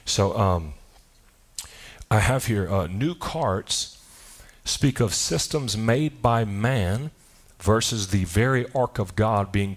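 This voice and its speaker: A pastor with a slightly low voice preaches an animated, conversational sermon in a church sanctuary. He fills it with asides and quick restarts.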